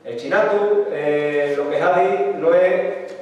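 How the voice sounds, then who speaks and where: A man with an Extremaduran Spanish accent giving a lecture, his fairly high voice peppered with rhetorical questions. He is recorded from a distance in a hall with long, heavy reverb. The sound is somewhat dull and muffled. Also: slow, a little mellow. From Extremadura, Spain. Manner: explanatory, frequent rhetorical tag questions. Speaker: lecturer on local dialect. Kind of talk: public talk. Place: hall with audience.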